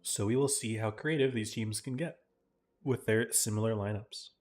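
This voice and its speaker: A man casting a live esports match in a casual, chatty way, his voice tiring and often clearing his throat. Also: on the low side, normal speed, darkish tone, soft background music. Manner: casual, chatty, talks to chat viewers. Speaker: esports caster.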